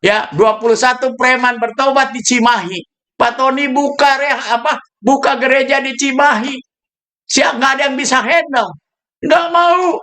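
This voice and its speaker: A male pastor preaching a sermon, telling stories with sudden shouted bursts and dropping English phrases into his talk. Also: extremely high pitch, fairly even intonation, moderate pace. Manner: storytelling with shouted bursts and laughs.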